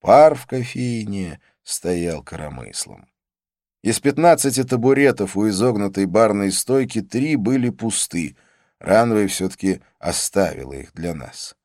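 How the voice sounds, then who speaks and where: A man narrating an audiobook in a steady, measured storytelling manner. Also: fairly low pitch, no echo, clean studio sound. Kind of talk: audiobook reading.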